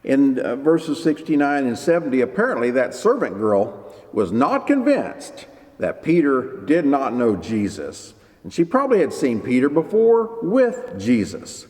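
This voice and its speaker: A man preaching a sermon as pastor, lively and expressive, briefly acting out the people he quotes. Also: mid-range voice, measured pace, in a large hall.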